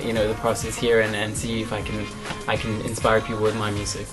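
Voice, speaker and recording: A young man from Canada, a singer, answering interview questions in a relaxed, thoughtful way with many fillers. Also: fairly low pitch, brisk, music in the background. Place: music studio, indoors.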